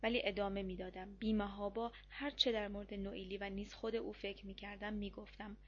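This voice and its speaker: A woman reading a dramatic first-person novel aloud as an audiobook narrator, expressive and measured. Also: medium pitch, lo-fi sound.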